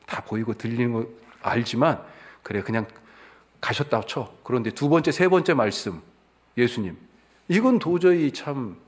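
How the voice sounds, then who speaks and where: Middle-aged male pastor mid-sermon, animated delivery that drops low then rises to emphatic, questioning the listeners. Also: normal speed. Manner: animated preaching, swinging from hushed to emphatic; asks the congregation rhetorical questions.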